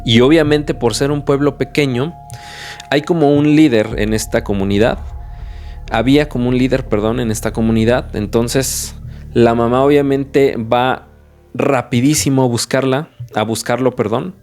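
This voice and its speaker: Guy narrating a creepy story real slow, keeps restarting bits, faint music underneath. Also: mid-range voice, a little mellow. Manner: slow, measured telling with frequent restarts. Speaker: podcast host. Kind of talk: horror storytelling.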